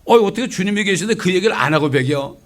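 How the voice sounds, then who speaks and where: A middle-aged man preaching a conversational sermon as a pastor, lively and full of rhetorical questions. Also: high voice, fast. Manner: lively, asks rhetorical questions, acts out quotes.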